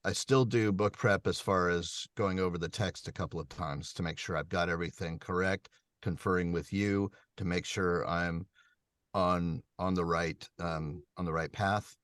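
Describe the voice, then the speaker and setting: A man who narrates audiobooks, with a very low voice, talking over a video call. He explains his process in a measured way and pauses for ums. The sound is close and dry. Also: fairly even intonation, fairly bright tone, no room sound. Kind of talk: answering questions on a video call.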